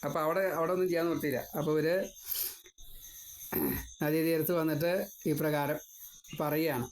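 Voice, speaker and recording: A man giving a devotional scripture discourse, retelling and explaining the story in a measured, storytelling manner. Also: a little high, little pitch movement, slight background noise, rough recording. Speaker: scripture teacher.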